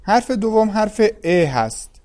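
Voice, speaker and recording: Man teaching a language lesson, slightly higher voice, slow and clear sounding-out of each vowel. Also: sing-song, darkish tone.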